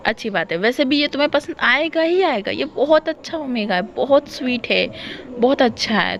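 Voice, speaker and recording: A woman voicing an insistent mother who coaxes her son into a date, in her ordinary storytelling voice. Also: a little high. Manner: coaxing, insistent. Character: pushy mother arranging her son's date.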